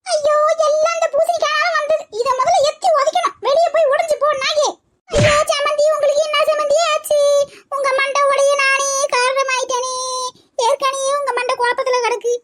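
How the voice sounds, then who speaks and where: A woman doing a shrill bossy old woman. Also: level tone, normal speed, a bit bright. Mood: wailing. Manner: shrill, insistent, repeats herself. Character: loud bossy older woman, pushy and stubborn. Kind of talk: comic skit.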